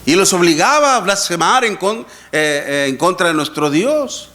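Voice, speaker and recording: High-voiced guy preaching in church, earnest, keeps repeating his verses to the folks. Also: animated, moderate pace, pushed and bright. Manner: earnest, addresses congregation as brothers, repeats scripture references. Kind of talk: sermon.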